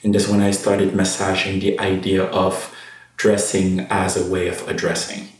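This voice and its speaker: A man's voice: low voice, completely flat delivery, moderate pace. A man, a fashion designer, speaks reflectively in an interview, searching for his words. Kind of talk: interview conversation. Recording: echoey room, voice from far off the mic.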